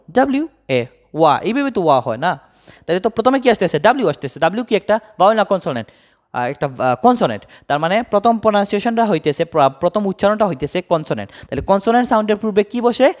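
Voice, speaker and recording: Male grammar teacher, high voice, very lively pitch, quizzes pupils then answers quietly. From Bangladesh. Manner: asks pupils questions and answers them himself; drops his voice low and soft on the answer. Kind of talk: explanatory grammar lesson.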